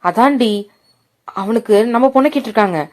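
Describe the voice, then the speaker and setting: A woman's voice: fairly high pitch, expressive, moderate pace, lightly acted. A woman voicing a talkative village father telling his wife news. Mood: happy. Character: cheerful village father, proud of his daughter.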